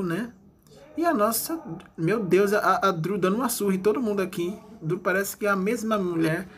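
A man's voice: high voice, fairly bright tone, a little hiss or hum. A man hosts a fan page and chats playfully with his viewers about celebrity news. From Brazil. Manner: chatty, playful, addresses viewers as gente. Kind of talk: casual celebrity gossip commentary.

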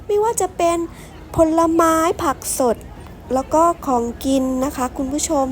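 A woman's voice: high-pitched, animated, a little slow, a little hiss or hum. A woman from Ratchaburi narrating a travel vlog, speaking politely and often addressing her viewers directly. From Ratchaburi, Thailand. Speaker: travel vlogger.

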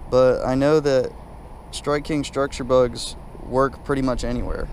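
A young man from South Carolina giving casual, chatty commentary to his viewers while fishing from a kayak on a lake. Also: medium pitch. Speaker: fishing vlogger. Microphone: head-mounted action camera. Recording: faint outdoor noise from an action camera.

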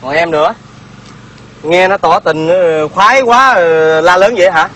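A man's voice: high voice, unhurried, fairly bright tone, a little hiss or hum. An actor playing a grown son of about thirty who mocks his sister and talks back to his mother. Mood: mocking. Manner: gruff, mocking. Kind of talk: Vietnamese reformed opera comedy acting.

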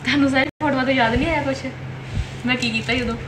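A woman's voice: high-pitched, steady tone, rapid-fire, a bit bright, reverberant, slight background noise. A young woman, bantering with her husband about their wedding photos in a home vlog. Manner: chatty, lightly bantering. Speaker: vlogger, wife. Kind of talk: casual family vlog chat.

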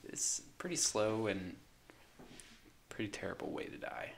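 A young man co-hosting a casual podcast, explaining slowly and hesitantly with fillers. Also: on the low side, lively intonation, gravelly, slight background noise. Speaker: podcast co-host. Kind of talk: casual chat.

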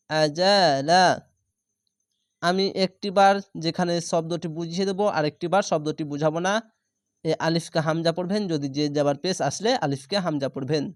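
A man's voice: fairly high pitch, dry recording, clean studio sound. A man teaching Quran reading, spelling out each syllable patiently and repeating words for drilling. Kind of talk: slow spelling-out recitation lesson.

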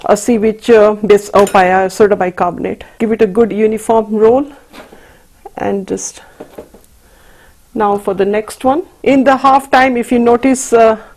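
A woman's voice: medium pitch, steady tone, measured pace, a little mellow. A middle-aged woman hosts a cooking demonstration, instructing step by step and mixing in Hindi and Punjabi phrases. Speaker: TV cooking show host. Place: indoor TV studio kitchen.

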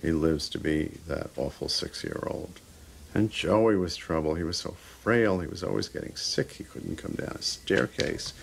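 A man with a very low, gravelly voice speaks bluntly in a documentary interview. he is emphatic and swears now and then. his tone stays plain and unvarnished. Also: moderate pace. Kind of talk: interview recollection.

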